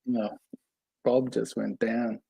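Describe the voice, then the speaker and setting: Man, mellow dark voice, gravelly, casual film podcast, offhand remarks. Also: mid-range voice, little pitch movement, slow, no room sound. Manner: laid-back, short offhand comments. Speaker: podcast co-host.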